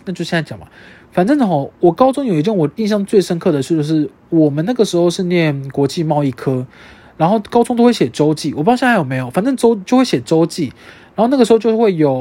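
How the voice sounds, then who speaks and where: With a mid-range voice and a Taiwanese Mandarin accent, this young adult podcast host shares a story during a casual chat. The delivery is animated, with plenty of free swearing.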